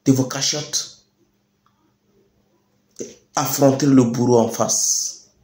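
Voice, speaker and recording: A young man speaks in an echoey space with a Chadian French accent. He delivers a rousing political address, deliberate and emphatic. He leans on repetition and rhetorical questions to drive his words home. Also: mid-range voice, steady tone, a little mellow. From Chad. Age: young adult. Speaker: youth activist speaker. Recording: echoey room sound.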